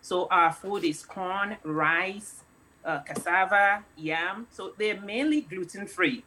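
A middle-aged woman from Nigeria, a food company founder, talks in a relaxed conversational way. She tells stories at an easy pace and laughs often. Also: mid-range voice, takes it slowly, a crowd in the background, poor audio. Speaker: guest, snack company founder. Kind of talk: casual interview.

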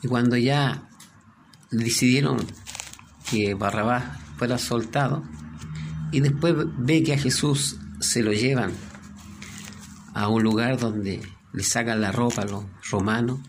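Gravelly-voiced man preaching a sermon. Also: mid-range voice, slow pace, long pauses, a little hiss or hum. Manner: storytelling, dropping to a hushed voice at moving moments.

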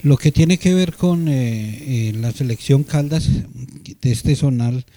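A man co-hosting a sports radio show, talking in a measured way with many "eh" fillers. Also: mid-range voice, dark tone. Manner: measured, fills pauses with "eh".

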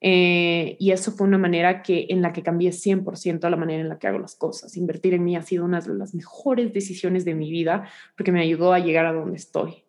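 A woman's voice: lowish voice, flat delivery, a little fast, few pauses, darkish tone. A young woman with a slightly nasal voice, teaching a recorded class on social media in a casual, direct way, often checking in with her listeners. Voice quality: a little nasal.

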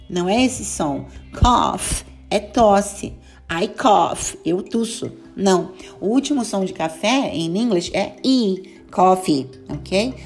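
Brazilian lady doing an english lesson podcast, slows down on examples, faint music behind. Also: medium pitch, darkish tone. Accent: Brazilian Portuguese. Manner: patient, explanatory, slows down for example phrases. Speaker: English teacher.

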